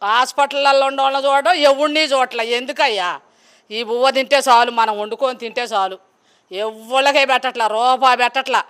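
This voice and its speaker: A woman's voice: high voice, steady tone, brisk, a bit bright, clean tone. A woman from Andhra Pradesh answering a street interviewer, talking in a defiant, sarcastic and argumentative way. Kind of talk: street vox-pop interview.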